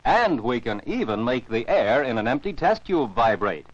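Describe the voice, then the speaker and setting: An American man narrates scripted children's science for an educational film, enunciating carefully in a didactic way. His mid-range voice is very animated at a normal speed. The recording is a dull, dry 1949 film soundtrack.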